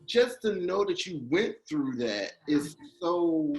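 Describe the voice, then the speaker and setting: Higher-voiced young man, moved interviewer. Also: big pitch swings, takes it slowly. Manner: moved, gropes for words. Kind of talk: conversational interview.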